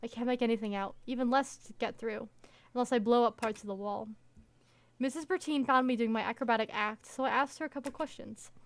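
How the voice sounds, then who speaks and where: A woman reading the lines of a pushy, possessive male ex-partner in a visual novel game, in her own higher voice. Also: a little fast, lightly acted. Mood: matter-of-fact. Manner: plain, even reading of the lines.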